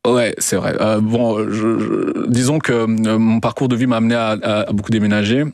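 A young Belgian man, co-director of a documentary, tells his personal story as a guest in a radio interview, hesitating with many fillers and restarts. His lowish voice is level, moderately paced and a little mellow, with no echo.

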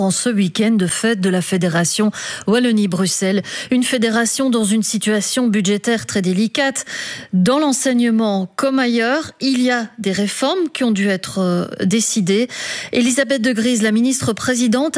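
A woman reading a radio news bulletin in a measured, steady way, with the odd filler. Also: fairly high pitch. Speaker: newsreader.

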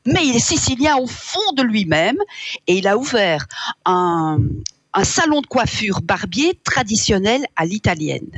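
A woman's voice: medium pitch, sing-song, measured pace, dry recording. A woman from Wallonia, a guest in a radio interview who speaks reflectively with many hesitations. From Wallonia, Belgium. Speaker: author and guest.

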